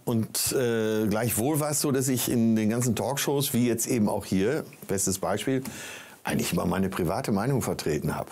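Man, low pitch, talk show guest, reflective, hesitant. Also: moderate pace, darkish tone. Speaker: guest, actor. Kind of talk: casual talk show conversation.

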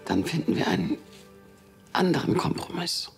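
An actress playing a tender but determined woman in love in a TV drama, speaking softly and earnestly. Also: fairly low pitch, very animated, normal speed, creaky, over music. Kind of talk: TV drama dialogue.

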